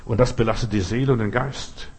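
A man's voice: fairly low pitch, fairly even intonation, fairly quick, a little mellow, a little hiss or hum. A man preaching a sermon, earnestly exhorting and speaking straight to his listeners.

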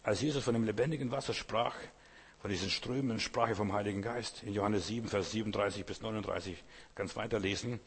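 A man's voice: on the low side, quick pace, slightly rough. A man preaching a sermon, speaking directly to the listener with emphatic repetition. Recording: long hall reverb.

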